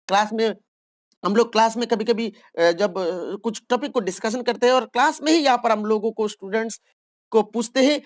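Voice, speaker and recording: Lively-voiced woman teaching exam prep. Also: a little high, no room sound, studio quality. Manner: repetitive, patient walk-through of answer options; reads English questions slowly, then explains them. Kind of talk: explanatory exam-prep lecture.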